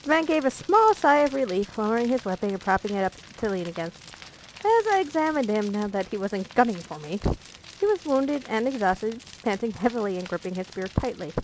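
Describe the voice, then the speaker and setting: A woman's voice: mid-range voice, sing-song, fairly quick, slight background noise, low-quality recording. A woman reading a visual novel aloud as a let's play narrator, playful and breaking off for jokey asides.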